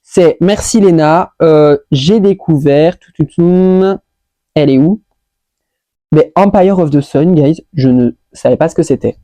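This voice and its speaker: A woman's voice: low voice, measured pace, mellow, dry recording. A woman vlogger chatting casually through a monthly roundup, scattered and full of fillers, dropping English words as she goes. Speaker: lifestyle vlogger. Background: faint music playing.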